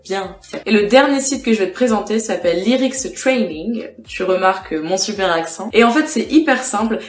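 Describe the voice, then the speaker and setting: Chatty young woman in an echoey room. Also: mid-range voice. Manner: chatty, addresses viewer directly. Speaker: vlogger. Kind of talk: casual vlog tips. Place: indoors at home with a cat. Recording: echoey room with faint music.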